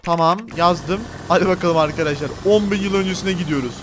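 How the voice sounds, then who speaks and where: An excitable man hosting a block-game role-play, with a very high voice and a quick pace. He narrates dramatically to his viewers and often raises his voice to a shout. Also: heavy background noise. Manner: addresses viewers as friends. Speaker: gaming channel host.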